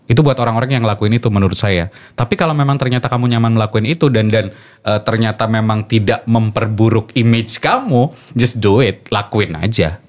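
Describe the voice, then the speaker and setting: Man, radio announcer, fairly low voice, easygoing podcast chat. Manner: relaxed, explains with quick acted examples.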